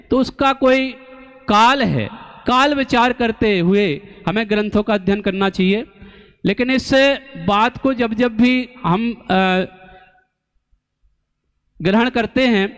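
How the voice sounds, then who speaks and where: A man giving a slow, deliberate religious discourse, teaching through rhetorical questions and pauses. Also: very high voice, a bit bright, smooth. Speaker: Jain scholar and preacher. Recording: long hall reverb.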